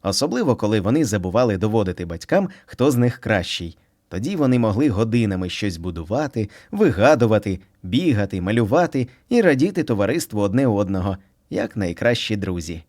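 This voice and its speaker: Man, storyteller, children's book narration, playful, low voice. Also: brisk. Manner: expressive, playful reading.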